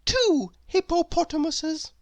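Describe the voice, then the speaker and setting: A woman's voice: very high-pitched, expressive, no echo, pitched above the performer's own voice, heavily acted. A woman voicing a confident, know-it-all little girl character from a children's storybook in a chirpy manner. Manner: chirpy, confident, quick to answer.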